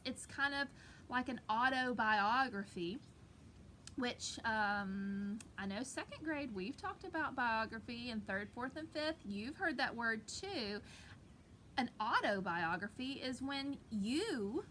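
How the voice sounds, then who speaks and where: An elementary school teacher reads aloud to young pupils from her back porch, her voice high, bright and forceful. Her storytime manner is casual, folksy and encouraging, with explanatory asides. The outdoor home recording carries background ambience and slight noise.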